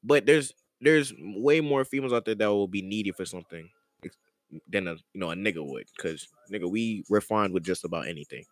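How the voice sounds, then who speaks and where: A man co-hosting a podcast in loud, profane, emphatic casual banter. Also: lowish voice, fairly quick, no room sound, studio quality. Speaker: podcast co-host. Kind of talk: casual chat.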